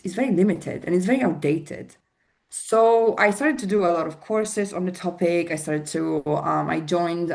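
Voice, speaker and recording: A woman from Poland with a Polish accent, a fitness coach answering interview questions earnestly, with many fillers and restarts. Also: lowish voice.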